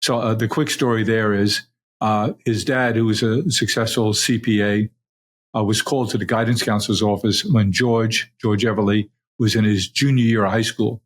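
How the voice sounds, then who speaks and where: A man hosting a conversational interview, explaining and telling stories in a measured, deliberate way. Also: lowish voice, steady tone. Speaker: podcast interviewer. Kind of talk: conversational long-form interview.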